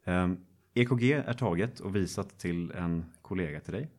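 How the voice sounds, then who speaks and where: A man hosting a podcast who presents a medical case in a relaxed way, with many hesitations and fillers. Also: low-pitched. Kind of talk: casual podcast case teaching.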